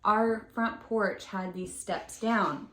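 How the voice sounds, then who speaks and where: A young woman co-hosting a podcast, chatting casually and telling animated stories that she keeps laughing through. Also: medium pitch, takes it slowly. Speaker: podcast co-host. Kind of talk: casual chat. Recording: echoey room with faint noise.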